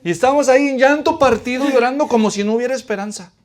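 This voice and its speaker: High-voiced Latin American preacher. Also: male voice, fast talker. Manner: asks the congregation questions and answers them; swings between hushed pleading and loud emphasis. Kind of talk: sermon.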